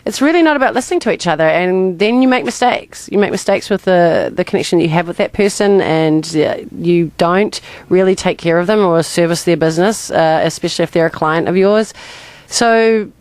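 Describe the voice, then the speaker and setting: A woman's voice: on the low side, brisk, darkish tone, clear, resonant tone, no room sound. A woman with a broad Kiwi accent from New Zealand, talking conversationally as a radio interview guest. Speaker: interview guest, communication coach.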